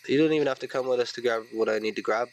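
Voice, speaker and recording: A man's voice: medium pitch, racing, lo-fi sound, a little hiss or hum. A man chatting casually as a player in a tabletop role-playing game, speaking in character.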